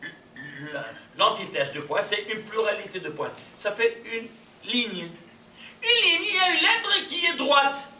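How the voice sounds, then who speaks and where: Animated high-voiced man lecturing. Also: unhurried. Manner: quizzes audience, animated, laughs often. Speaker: rabbi teaching. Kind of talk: lively Torah lecture. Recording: echoey room from far off, faint hiss.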